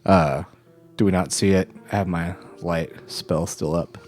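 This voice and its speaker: Low-voiced man playing a tabletop game. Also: steady tone, a little slow, a little mellow, soft background music. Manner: casual, asks lots of questions. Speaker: player. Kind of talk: casual tabletop play.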